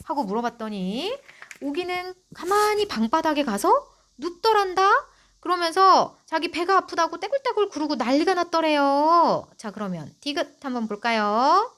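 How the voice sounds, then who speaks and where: A woman's voice: high-pitched, lively intonation, moderate pace, fairly bright tone. A woman teaching literature in an online exam-prep lecture, explaining the text, asking her students questions and talking to them directly. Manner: talks directly to students, chatty.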